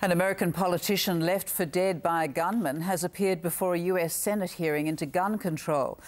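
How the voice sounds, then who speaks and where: A woman's voice: fairly low pitch, steady tone, a little fast. A woman with an Australian accent reading scripted television news as an anchor.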